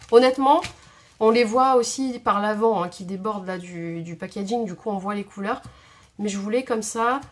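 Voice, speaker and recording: A woman's voice: mid-range voice, slight background noise. A woman hosting a craft video at home, chatting casually and thinking aloud with many hesitations. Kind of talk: casual tutorial chat. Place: home craft table indoors.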